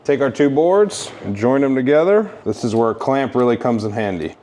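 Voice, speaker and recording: A man's voice: mid-range voice, expressive, normal speed, dark tone, slight background noise. A man hosting a DIY channel, explaining a woodworking build step by step in an upbeat, casual way. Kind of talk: step-by-step DIY tutorial narration.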